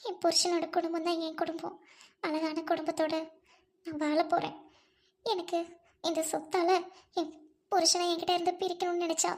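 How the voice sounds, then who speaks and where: A woman's voice: extremely high pitch, pitched below the performer's own voice. A woman voicing a heartbroken young wife who pleads through sobs in a melodramatic serial scene. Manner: sobbing, pleading. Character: young wronged wife, heartbroken but resolute.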